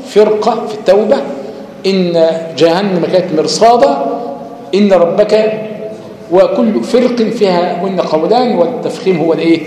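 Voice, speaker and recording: A man with an Egyptian accent gives a recitation lesson, his fairly high voice carrying through a reverberant hall. He works through each rule, pausing on rhetorical questions and intoning short verses as examples. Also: a little mellow, a little hiss or hum. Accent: Egyptian Arabic. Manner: explains step by step, asks rhetorical questions, chants Quranic examples. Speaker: Quran recitation teacher. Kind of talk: lecture on tajweed rules.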